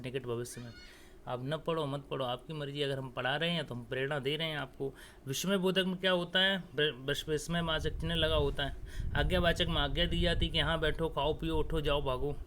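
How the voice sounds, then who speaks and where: Male teacher with a fairly high voice, coaching students through exam grammar in a direct, coaxing way. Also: a bit bright, a little hiss or hum. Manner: explains step by step, often adds "theek hai"; talks straight to students, coaxing. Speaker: Hindi teacher. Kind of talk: exam-prep grammar lesson.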